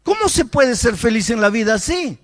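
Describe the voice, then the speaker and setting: Male preacher, high voice, very animated delivery, dramatizes everyday voices. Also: normal speed. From Peru. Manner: dramatic preaching, acts out imagined voices, asks rhetorical questions. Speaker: pastor. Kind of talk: sermon.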